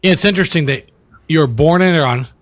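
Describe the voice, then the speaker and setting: A man's voice: fairly high pitch, quick pace, no room sound. A man, co-hosting a casual podcast interview in a chatty, friendly way with many restarts. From Louisiana, US. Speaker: podcast co-host.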